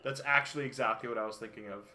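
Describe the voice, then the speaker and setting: A man's voice: mid-range voice, very fast, sharp tone. A man giving casual gameplay commentary as a streamer, chatty and explanatory. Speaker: gaming streamer.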